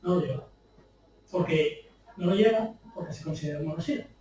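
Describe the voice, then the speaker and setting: A little high and a little fast, with a dark tone, this Spanish man is a copy editor chatting through anecdotes at a bookshop event and tacking on rhetorical questions. The room recording is distant and very echoey, with a bit of hiss or hum.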